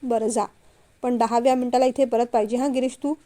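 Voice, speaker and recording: A woman's voice: fairly high pitch, fairly even intonation, fairly quick, mellow, close to an everyday voice. A woman voicing a stern, loving middle-aged father who scolds his grown son firmly in a storybook reading. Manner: firm, scolding.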